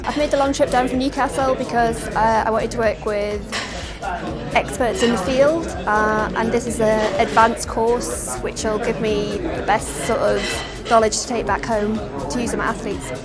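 A woman's voice: a little high, fairly even intonation, moderate pace. A woman, a sports medicine consultant, giving an earnest interview testimonial. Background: music bed.

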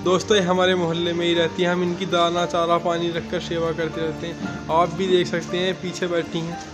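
High, flat-voiced young village vlogger. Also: male voice, brisk, poor audio. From Uttar Pradesh, India. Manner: guides viewers, keeps saying "friends". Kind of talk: casual walking tour vlog. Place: outdoors in village fields and lanes. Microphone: phone held at arm's length. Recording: loud background music under voice. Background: music.

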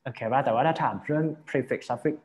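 A man's voice: medium pitch, moderate pace, darkish tone. A man teaching an English vocabulary lesson, explaining word by word and often checking that his students follow.

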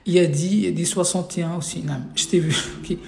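A man's voice: on the high side, steady tone, normal speed, creaky, reverberant. A man teaching an Arabic reading class online, running a live quiz and patiently repeating each question several times for his students.

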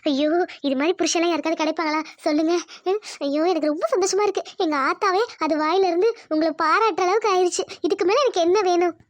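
A woman doing a coy, squeaky young wife. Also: fast, hardly any pauses, dry recording. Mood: affectionate. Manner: cooing, shy and affectionate.

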